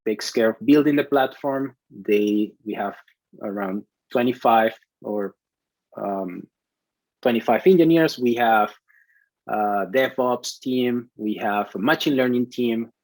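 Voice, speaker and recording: A man's voice: mid-range voice, darkish tone, no room sound, low-quality recording. Venezuelan-born man, dry close voice. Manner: hesitant, many restarts and fillers. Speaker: CTO, interview guest. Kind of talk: conversational interview.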